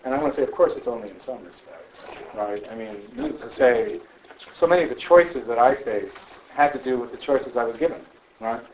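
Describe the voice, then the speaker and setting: A man, a philosopher, answering audience questions in a thoughtful, conversational way, often checking in with a quick "right?". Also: medium pitch, expressive, darkish tone, slight background noise, rough recording. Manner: thoughtful, frequent "right?" tags. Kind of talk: conversational public Q&A.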